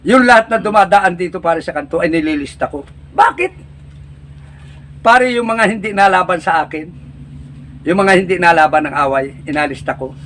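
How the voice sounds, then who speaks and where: A man voicing a gruff street-corner man who boasts that others fear him, in a low grumble. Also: moderate pace, pauses often, fairly bright tone, slight background noise. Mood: boastful.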